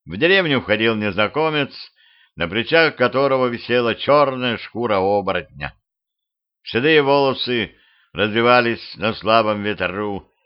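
A man narrating a humorous mystic audiobook in an even storytelling manner. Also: on the low side, clean tone. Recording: slightly dull lo-fi home recording.

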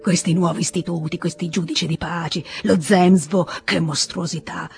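A reader voicing a drunk, frightened, volatile grown man in an Italian audiobook reading, with excited pleading outbursts. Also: mid-range voice, moderate pace, creaky, faint music behind, close to an everyday voice. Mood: agitated.

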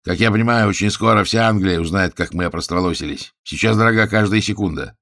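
A man's voice: lowish voice, fast, a bit bright, dry recording, clean studio sound, lightly acted. A man voicing a blunt, impatient middle-aged statesman in an audiobook, brusque in manner.

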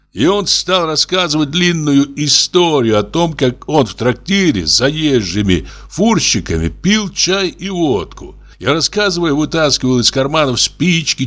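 A man narrating a classic story as an audiobook, in an expressive, measured reading. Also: fairly high pitch.

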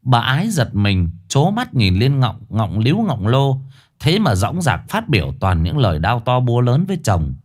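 A man narrating a comic story in a lively, mocking way. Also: medium pitch, moderate pace.

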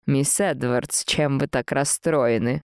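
A woman voicing a cold, mocking aristocratic man who speaks slowly and quietly, with a teasing edge. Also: extremely low pitch, fairly even intonation, smooth, dry recording, clean studio sound, full character voice.

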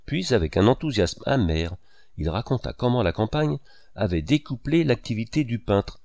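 A man reading a literary novel aloud in a measured, expressive storytelling manner. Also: mid-range voice, vocal fry, no echo, clean studio sound. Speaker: audiobook reader. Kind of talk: literary audiobook narration.

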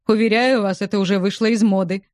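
A woman voicing a drily ironic, unflappable gentleman who speaks deadpan. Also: medium pitch, quick pace, dry recording, clean studio sound, lightly acted.

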